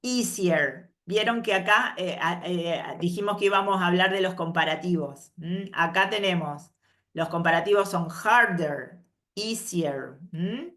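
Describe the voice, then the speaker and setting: A woman teaching an English workshop, moving between explanations and carefully spoken English examples and checking in with a soft questioning "mm?" after each point. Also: fairly low pitch, a little slow. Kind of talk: slow explanatory workshop lesson.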